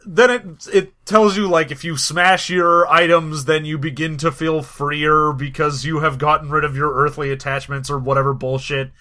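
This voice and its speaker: Male podcast co-host with a bright, higher voice and a dry, easygoing delivery. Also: level tone, normal speed, few pauses. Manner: laid-back, explaining, dry asides. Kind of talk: casual comedic chat.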